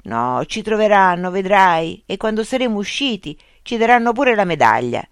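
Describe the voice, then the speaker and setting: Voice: mid-range voice, very animated, moderate pace, smooth, no room sound, studio quality, voice pushed up. A storyteller voicing Cesare, a brave schoolboy with a Roman accent who coaxes his friend along. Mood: coaxing. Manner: coaxing, reassuring.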